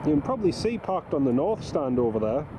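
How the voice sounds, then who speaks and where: Talking fast in a slightly high, very animated voice, a livestream host with a stuffy cold chats casually with his viewers, calling them by name. He's outdoors at an airport, and loud aircraft and traffic noise runs behind him.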